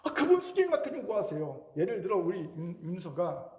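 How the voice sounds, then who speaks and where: A man pastor preaching a sermon in a church, animated, acting out the voices he quotes. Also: sits high, fairly quick. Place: church sanctuary. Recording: echoey church hall.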